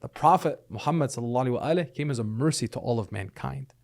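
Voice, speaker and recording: A middle-aged podcast guest raised in Lebanon and the US talks at a quick pace in an expressive, mid-range voice with vocal fry and a darkish tone. He explains earnestly, regularly tagging on "right?".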